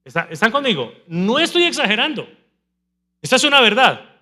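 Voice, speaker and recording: A male pastor with a high, bright voice preaches a sermon. He leads the congregation in call-and-response and mimics people with lively energy. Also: a little fast. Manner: animated, mimics people speaking in tongues.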